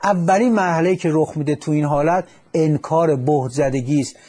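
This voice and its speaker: A man who is a psychologist, calmly counseling a caller on a radio call-in show and quoting verse as he explains. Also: a little high, a loud crowd. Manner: calm and instructive, quotes verse.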